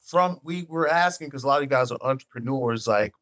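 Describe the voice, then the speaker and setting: A man from Arkansas co-hosting a casual interview. He asks his questions in a relaxed, easygoing way, with a mid-range voice. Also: medium pitch, a little fast. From Camden, Arkansas, USA. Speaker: co-host, interviewer.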